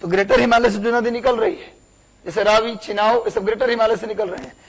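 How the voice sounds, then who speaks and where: A man's voice: sits high, fairly even intonation, fast talker, creaky, low-quality recording. A young man, teaching a class, repeating words for dictation and asking the students questions. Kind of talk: classroom lecture.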